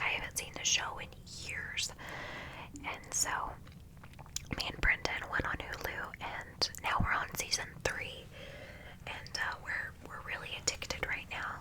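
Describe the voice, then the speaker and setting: For an ASMR video, a young woman creator chats in a soft whisper, gushing and saying "um" a lot. Congestion makes her voice stuffy and nasal, and the audio quality is poor.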